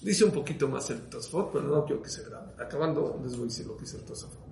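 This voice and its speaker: A man preaching as a rabbi, swinging from hushed to loud and firing rhetorical questions at his listeners. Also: a little high, animated, fast, creaky, a little hiss or hum. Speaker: rabbi giving a Torah talk. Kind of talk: sermon to a live audience. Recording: roomy echo.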